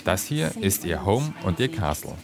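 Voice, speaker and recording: A man narrating a scripted radio feature in a calm, measured way. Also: sits low, music in the background. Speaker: reporter.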